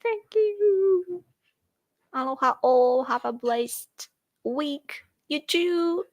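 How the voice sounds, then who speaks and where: This livestream host, a thirty-something woman with a Japanese accent, chats casually through viewer comments, rambling, laughing a lot and thanking people. She speaks extremely slowly in a high, expressive voice, with no echo on the audio.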